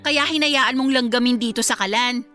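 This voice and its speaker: A woman's voice: on the high side, moderate pace, bright, forceful tone, faint music behind. A woman playing a cruel, haughty employer who scolds with contempt in a radio drama. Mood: scornful.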